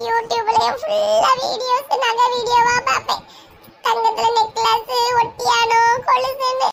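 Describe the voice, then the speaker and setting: A woman with a Kanyakumari Tamil accent playing a tearful, hot-tempered young woman in a comedy sketch, scolding with quick insults. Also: extremely high pitch, steady tone, creaky, a bit bright, slight background noise, full character voice. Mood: aggrieved. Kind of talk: comic sketch acting.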